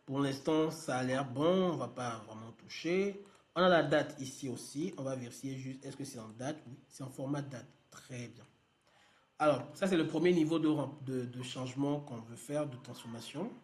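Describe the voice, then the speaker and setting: A male trainer runs a live online lesson, speaking casually and thinking aloud with lots of fillers while he works on screen. His voice is medium in pitch and darkish in tone, at a moderate pace.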